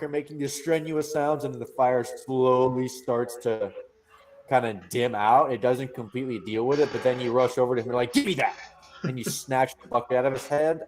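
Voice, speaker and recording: A man's voice: mid-range voice, a little mellow. A young man narrating as game master for a tabletop game, often repeating words as he restarts his sentences. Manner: stammering restarts, acts out characters' lines.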